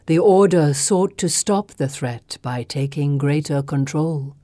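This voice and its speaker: A woman's voice: low-pitched, mellow, dry recording, studio quality, pitched below the performer's own voice. A woman voicing a grave, sorrowful serpent-haired creature. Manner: slow, grave, weary storytelling. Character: ancient sorrowful female serpent-haired creature, the last of her kind.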